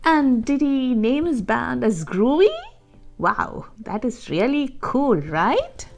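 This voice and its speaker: Hosting a children's story reading, a woman reads aloud with expression and care, pausing to explain things and ask young listeners questions. Her voice is a little high, gravelly and very animated, with faint music in the background.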